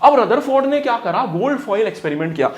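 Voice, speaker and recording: A male teacher runs a lively science class with a voice pitched high for a man. He keeps it slangy and playful, firing quick questions at his students and calling them brother. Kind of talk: energetic classroom lesson.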